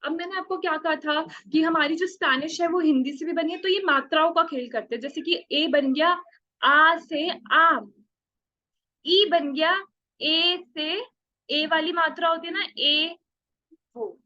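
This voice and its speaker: A woman's voice: very high-pitched, moderate pace, pushed and bright, lo-fi sound. A woman teaching a beginners' Spanish class online, stretching out letter sounds and checking often that students follow. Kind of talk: online language lesson.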